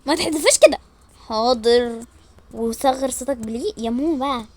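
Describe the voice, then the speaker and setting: An Egyptian woman telling a role-play family story, switching quickly between the voices of a mother and her children. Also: on the high side, a little mellow. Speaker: storyteller voicing all characters.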